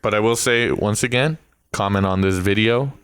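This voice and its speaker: A man's voice: lowish voice, normal speed, a bit bright, clean tone, dry recording, studio quality. A man co-hosting a podcast, bantering playfully in casual chat. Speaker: podcast co-host.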